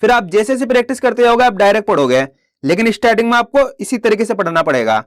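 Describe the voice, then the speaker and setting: A man teaching Hindi reading in a slow, patient way, asking questions and answering them himself. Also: sits high, lively intonation, no echo.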